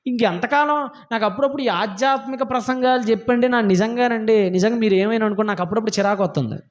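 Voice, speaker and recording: A man's voice: high-pitched, fast. A man preaching a sermon in a church, scolding his listeners with emphatic rhetorical questions. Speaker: pastor. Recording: dull lo-fi sound.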